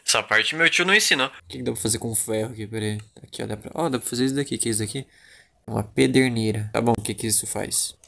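Joking gaúcho gamer, crude commentary. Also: male voice, medium pitch, fast talker, creaky, bright, forceful tone. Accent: southern Brazilian, Rio Grande do Sul. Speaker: gaming YouTuber. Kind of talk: Let's Play commentary. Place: home.

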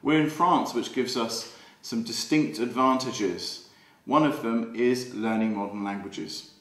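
A man on the school staff, explaining the school for a promotional film in a measured, earnest way. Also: medium pitch. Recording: roomy echo.

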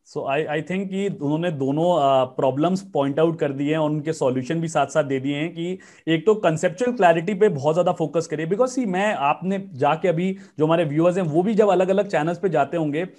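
A man's voice: fairly high pitch, brisk, hardly any pauses, darkish tone. A man hosting an interview as an exam coach, speaking Hindi mixed with in an earnest, explanatory teaching tone.

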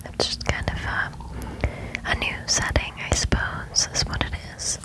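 A woman in her twenties whispering softly as if telling a secret, in ASMR chit chat very close to a microphone, repeating words for effect. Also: measured pace. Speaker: ASMR video host. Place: small bedroom, on the bed. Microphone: large desk microphone, very close.

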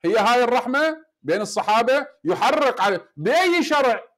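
A man's voice: extremely high pitch, sing-song, brisk, fairly bright tone. An Iraqi man hosting a heated call-in debate, pressing his guest with repeated rhetorical questions. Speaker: debate show host.

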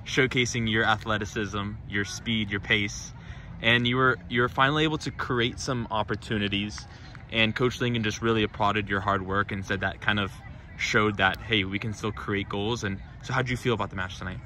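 A man's voice: lowish voice, fairly even intonation, normal speed, pushed and bright, slight background noise. A man interviewing players after a game on an outdoor field at night, asking long, rambling questions with many restarts. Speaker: sideline interviewer.

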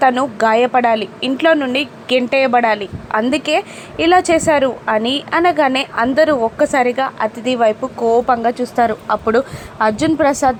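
High-voiced woman recapping a serial. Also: normal speed, a little hiss or hum. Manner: steady storytelling with filler sounds.

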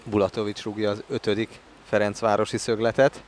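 A man giving football commentary, excited and rising at chances and goals. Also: on the low side, a little hiss or hum. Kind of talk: sports commentary on a women's football match.

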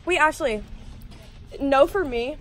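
A woman's voice: high-pitched, slow pace, fairly bright tone, soft background music. A teenage girl chatting casually while filming a shopping vlog on a handheld phone in a large store, joking and saying "like" a lot. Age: teens. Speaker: vlogger. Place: large retail store, indoors. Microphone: handheld phone at arm's length.

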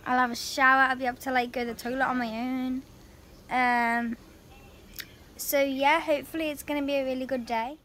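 A woman's voice: high-pitched, flat delivery, fairly quick, fairly bright tone. A young woman, weak after surgery, speaking casually as a patient keeping a video diary from her hospital room. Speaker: patient vlogger recovering from surgery. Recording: noisy hospital room recording.

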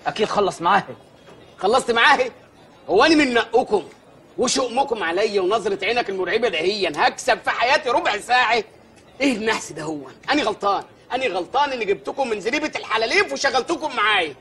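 An actor with an Egyptian accent playing a quick-tempered village mayor who rants and wisecracks in a comedy film. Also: male voice, very high-pitched, expressive, pushed and bright, echoey room, slight background noise, heavily acted. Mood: ranting. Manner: ranting, exasperated, wisecracking.

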